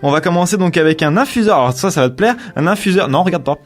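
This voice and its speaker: A man's voice: high voice, animated, rapid-fire, faint music behind. A man co-hosting a casual radio show, rambling through gift ideas with many restarts and fillers.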